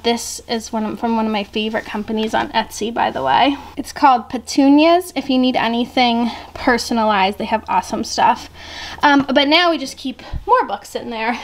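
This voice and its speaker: A woman in her thirties giving a chatty, upbeat home tour, often laughing as she talks. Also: on the high side. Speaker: mom vlogger. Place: house rooms indoors.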